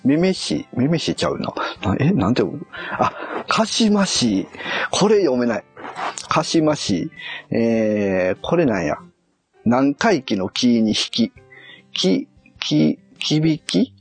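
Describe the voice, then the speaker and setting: A man's voice: medium pitch, big pitch swings, slow, gravelly, slightly rough, soft background music. A man on a casual live stream, muttering and puzzling aloud as he reads a kanji quiz and corrects himself.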